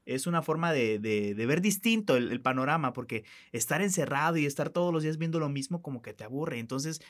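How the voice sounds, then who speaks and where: A man's voice: fairly high pitch, lively intonation, brisk, a bit bright. A man with a coastal Mexican accent co-hosting a podcast, chatting informally and chipping in with asides. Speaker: podcast co-host. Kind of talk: casual chat.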